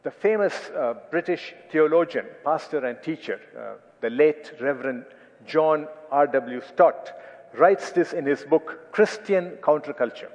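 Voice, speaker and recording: A dull recording with long hall reverb carries a man's sermon. He speaks with an Indian accent in a high voice. His delivery is emphatic, returning to key phrases and slowing on them for weight. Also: a little mellow. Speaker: preacher.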